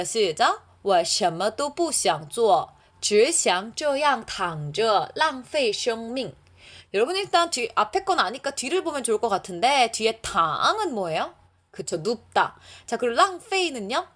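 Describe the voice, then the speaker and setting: A young woman runs an online language lesson with plenty of encouragement. Her voice sits a little high and swings up and down a lot. She slows right down whenever she reads a practice sentence aloud. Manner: lively, encouraging, reads Chinese lines slowly for learners. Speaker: Chinese language teacher.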